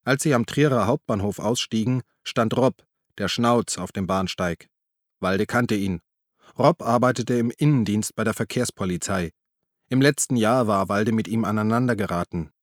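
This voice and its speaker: A man narrating a crime novel in a measured, even tone. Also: fairly low pitch, no room sound, studio quality. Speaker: audiobook narrator. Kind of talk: scripted narration.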